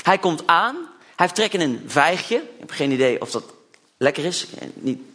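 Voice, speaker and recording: A man's voice: fairly high pitch, big pitch swings, moderate pace, sharp tone. A man preaching a sermon, telling a Bible story with chatty asides and acting out the disciples' lines.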